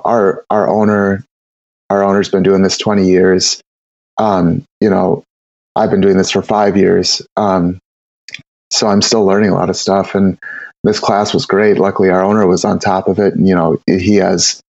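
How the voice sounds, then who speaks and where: A man's voice: low-pitched, creaky, darkish tone, no echo, highs cut off. A man talking casually as a brewer guest on an interview podcast, rambling with many repeated words and fillers.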